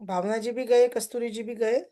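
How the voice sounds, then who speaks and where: A woman's voice: fairly high pitch, steady tone, moderate pace, warm tone. A middle-aged woman coach leading a guided self-forgiveness exercise over a video call, earnest and emotional, speaking to herself by name. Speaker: success coach.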